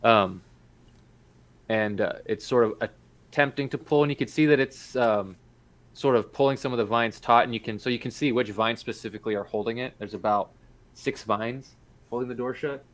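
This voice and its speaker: A man's voice: medium pitch, moderate pace. A man acting as game master, explaining and narrating a tabletop game in a casual, hesitant way.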